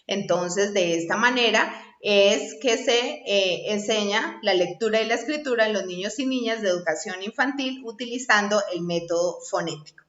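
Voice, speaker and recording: Woman instructor, methodical explainer, bright voice, slightly muffled echoey recording. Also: mid-range voice. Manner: slow, explanatory, checks in with "¿sí?" and "¿listo?". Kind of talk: recorded online lesson. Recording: echoey room, slightly dull sound.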